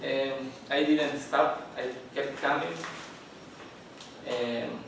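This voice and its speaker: A man telling his own story as a student speaker, plainly and a little haltingly. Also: mid-range voice, steady tone, creaky. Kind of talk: personal speech. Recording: echoey room from far off with noise.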